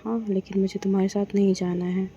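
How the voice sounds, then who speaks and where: A woman's voice: medium pitch, flat delivery, quick pace, warm tone, natural voice. A woman voicing an irritated, defiant young woman who keeps refusing and protesting, in a story. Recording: dull lo-fi with faint noise.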